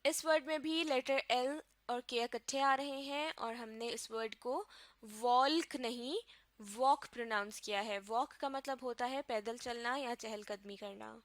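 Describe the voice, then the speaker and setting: A woman from Pakistan teaching a recorded lesson, her voice sitting a little high. She explains slowly and carefully, spelling words out letter by letter. The sound is dry, with no room around it. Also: steady tone, no room sound.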